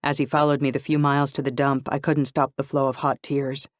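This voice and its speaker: A man narrating a novel in the first person, with a measured, even delivery. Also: mid-range voice, no echo, studio quality. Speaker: audiobook narrator.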